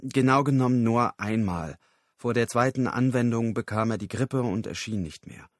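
An earnest, awkward researcher speaks in terse, factual sentences, as a male reader voices him. His voice sits at an average male pitch and sounds dry and close to the mic. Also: normal speed, no room sound, close to an everyday voice.

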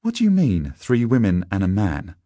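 A man's voice: on the low side, huge pitch swings, normal speed, dark tone, dry recording, studio quality. A man voicing a rude, headstrong British schoolboy Scout in a storybook, brash, scoffing and impatient. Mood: scornful.

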